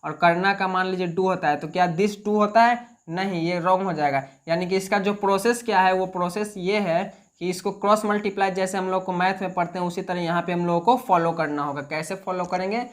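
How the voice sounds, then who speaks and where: A man's voice: sits high, steady tone, a little fast, few pauses. A man teaching a basic spoken English lesson in Hindi, explaining step by step and answering his own questions. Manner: repetitive, plain classroom talk.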